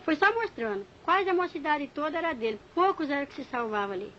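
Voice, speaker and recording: Woman, testimony storyteller who acts out dialogue, high-pitched, slightly muffled recording. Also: expressive, fast talker, a bit bright, a little hiss or hum. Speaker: church member giving a testimony. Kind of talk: spoken religious testimony.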